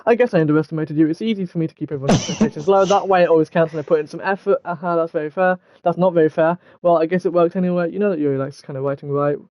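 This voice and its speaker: A man's voice: a little high, very fast, few pauses, highs cut off, noisy background. A young man hosting a casual gaming let's-play, reading game text aloud and stumbling over words here and there. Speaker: gaming video host.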